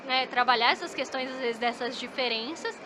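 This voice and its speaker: Guesting on a casual podcast, she speaks at a moderate pace in a high voice, over a noisy background. An esports psychologist from Brazil with Portuguese as her first language and a Brazilian Portuguese accent, she's chatty and often ends sentences with "né?".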